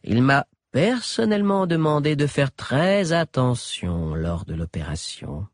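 A man's voice: mid-range voice, big pitch swings, measured pace, no echo, clean studio sound, pitched above the performer's own voice. A man doing a honeyed creepy doctor. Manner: sugary, reassuring, condescending. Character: smiling honeyed male doctor, creepily soothing.

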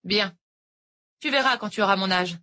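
A woman voicing a moody, bitter female math tutor in an audiobook, talking with a sharp, mock-cheerful edge. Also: medium pitch, normal speed, voice pushed up, close to an everyday voice. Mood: brooding.

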